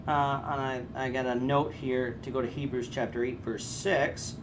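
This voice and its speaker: A man in his thirties teaches a Bible class indoors in front of a red curtain, filmed chest-up on camera. He is earnest and explanatory, with lively pitch rises and frequent hesitations. He speaks at a moderate pace, with background noise present.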